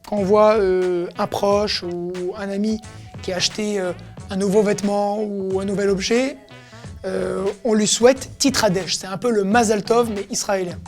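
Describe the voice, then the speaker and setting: A woman's voice: medium pitch, fairly even intonation, moderate pace, darkish tone, soft background music. A woman teaching everyday expressions in a casual lesson, explaining each word and acting out how it is said. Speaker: Hebrew teacher.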